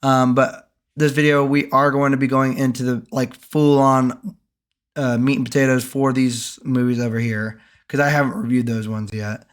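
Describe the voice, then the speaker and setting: A hoarse young man recovering from an illness, casually ranking the year's movies in a rambling, enthusiastic vlog full of ums. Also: mid-range voice, little pitch movement, moderate pace. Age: young adult. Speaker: movie reviewer.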